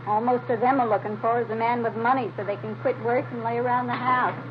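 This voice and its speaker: A noisy, dull vintage radio recording captures an actress voicing a grumbling, wistful older woman neighbor in a 1940s-50s crime drama, chatty and matter-of-fact. She talks fast in a slightly high, steady, natural voice.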